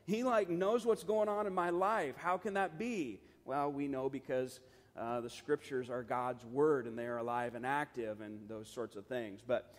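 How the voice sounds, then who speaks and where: A man's voice: medium pitch, steady tone, moderate pace, long reverb tail. A middle-aged man leading a Bible study, talking earnestly and conversationally with lots of fillers and restarts. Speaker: pastor.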